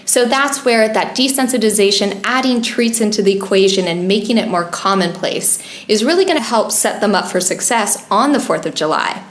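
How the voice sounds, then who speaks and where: A woman's voice: medium pitch, expressive, moderate pace, hardly any pauses. A woman co-hosting a podcast about pets, explaining care tips in an earnest, easygoing way and laughing readily. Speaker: podcast co-host, pet wellness expert. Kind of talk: casual podcast chat. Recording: roomy echoey podcast recording.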